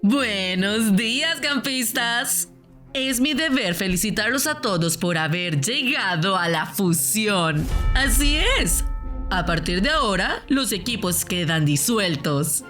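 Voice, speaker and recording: A woman's voice: mid-range voice, expressive, slow, fairly bright tone, soft background music. A woman voicing a curt cartoon camp host. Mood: announcing. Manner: curt, announcing, unbothered. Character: stern, dry camp game host woman. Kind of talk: animated web series voice acting.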